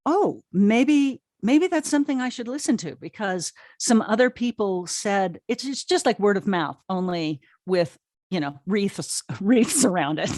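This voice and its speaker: Her voice is mid-range, animated and a little mellow, delivered at a measured pace in a dry, studio-quality recording. She's a middle-aged American who produces and writes audio drama, telling stories conversationally as an interview guest with emphasis and frequent restarts.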